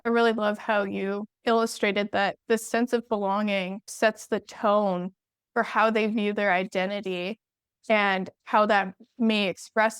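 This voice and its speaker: A woman hosting a podcast interview, speaking in a measured, appreciative and reflective way. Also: mid-range voice, clear, resonant tone, no room sound, clean studio sound. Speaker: podcast host.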